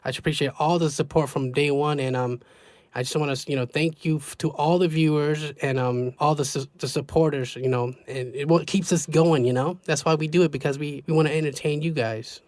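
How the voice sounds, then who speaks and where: A man's voice: fairly high pitch, fairly even intonation, a little fast, a little mellow, dry recording. Slangy male podcast host, close dry sound. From United States. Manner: slangy, repeats "you know". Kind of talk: casual chat.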